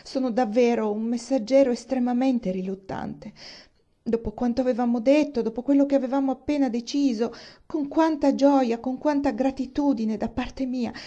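Woman narrator voicing a young noblewoman, apologetic, hesitant, emotional, mellow tone, audiobook. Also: a little high, moderate pace, dull audio, voice pushed up, lightly acted. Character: distressed young noblewoman bearing bad news.

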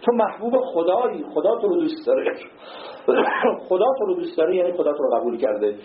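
A man giving an emphatic sermon, slowing down to chant Arabic phrases. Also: fairly high pitch, sing-song, noisy background. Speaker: cleric giving a religious talk. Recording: echoey, dull lo-fi recording.

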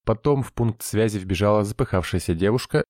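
A man narrating a science-fiction audiobook in an even, measured way. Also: fairly low pitch, no echo, clean studio sound.

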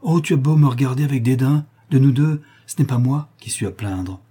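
A calm, indignant wife who lectures with firm reproach, as a man reading a novel puts her on. His dark, husky voice lifts a little for her lines. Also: mid-range voice, fairly quick, voice pushed up. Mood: reproachful. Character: composed indignant married woman.

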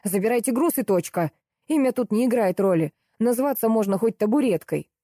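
A man's voice: high voice, lively intonation, a little fast, mellow, no room sound, clean studio sound, voice pushed up. A woman voicing a stern young male customs officer who talks curtly and officiously in an audiobook. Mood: exasperated. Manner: curt, officious, then rude.

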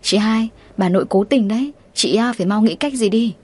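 A woman's voice: medium pitch, a little fast, husky, natural voice. A woman reading the lines of a younger girl in the family who passes on secrets in an audiobook. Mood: urgent. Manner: hushed, urgent. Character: younger sister-in-law, gossipy young woman.

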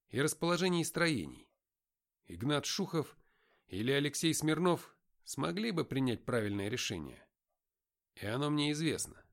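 Expressive male audiobook narrator. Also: a little high. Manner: expressive, wry inner monologue. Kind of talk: first-person audiobook narration.

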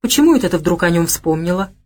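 A woman voicing a boastful, quick-tempered gangster man in an audiobook. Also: fairly low pitch, expressive, darkish tone. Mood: gruff. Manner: gruff, boastful, blustering.

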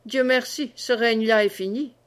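A woman's voice: a little high, steady tone, normal speed, lightly acted. A woman reading a grave old peasant. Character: old peasant man, bitter about past.

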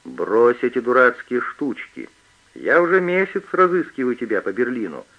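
Male narrator voicing a menacing young thief, sneering to hissed threats, lively pitch, muffled audiobook. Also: moderate pace.

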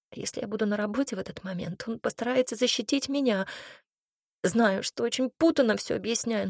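A tearful, stubborn young woman, as a woman narrator plays her in an audiobook, talking in a weak, pleading, troubled way. The voice is husky and close, in a dry room. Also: fairly high pitch, a little mellow, dry recording.

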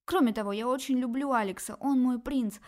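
A woman voicing a shrill, spoiled pregnant young woman who shrieks her accusations. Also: animated, normal speed, darkish tone. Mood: shrill, furious.

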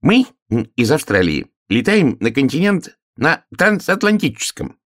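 A man's voice: sing-song, a little slow, a bit bright, dry recording, studio quality. A man voicing a tiny boastful frog who pretends to be a dog, talking eagerly. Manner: squeaky, eager, fibbing with confidence.

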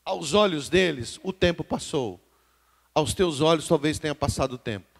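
A man's voice: fairly high pitch, lively intonation, normal speed, gravelly. A man with a Brazilian Portuguese accent, preaching a live sermon as pastor and calling out to the congregation. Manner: emphatic preaching that swings between hushed and loud, calling out to the congregation.

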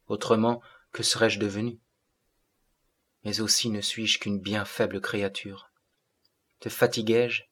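A man's voice: lowish voice, level tone, measured pace, pauses often, a bit bright, breathy edge. A man reading the part of a fragile, devoted young woman in an audiobook, in a pleading, breathless way.

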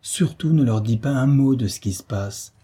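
A man voicing a bold, quick-tempered young hero giving orders in an audiobook reading. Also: medium pitch, mellow, husky, voice pushed up. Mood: commanding.

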